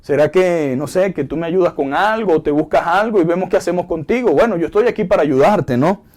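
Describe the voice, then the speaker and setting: A man's voice: high-pitched, fairly quick, darkish tone, close to an everyday voice. A Venezuelan-accented man voicing a sly, corrupt male governor who angles for a bribe in a wheedling way. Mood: scheming.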